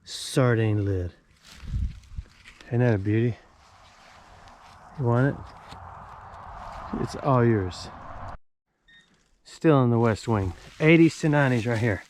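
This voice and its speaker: A man talks casually and folksily, with a dry joking streak, in a voice of ordinary pitch. He sounds like he is vlogging outdoors, with faint noise and clicks around him. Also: a little slow, pauses often, a little mellow. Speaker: metal detecting vlogger. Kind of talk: casual outdoor vlog commentary. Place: outdoors in a rural yard.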